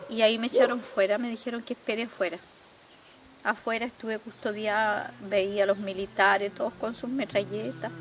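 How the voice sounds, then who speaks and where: An older woman with a Chilean accent gives documentary testimony as a survivor, earnest and halting, with pauses and repetitions. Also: mid-range voice, little pitch movement.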